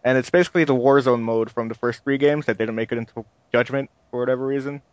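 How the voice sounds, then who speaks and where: A man's voice: mid-range voice, fast talker, dry recording, lo-fi sound. A man co-hosting a casual video game chat show, laid-back and trailing off into shrugs. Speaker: podcast co-host.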